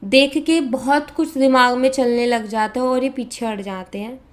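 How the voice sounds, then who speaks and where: A woman's voice: sits high, fairly even intonation, moderate pace. Chatty Indian woman tarot reader. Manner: conversational, mixes English into Hindi, frequent fillers. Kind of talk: casual tarot reading to viewers.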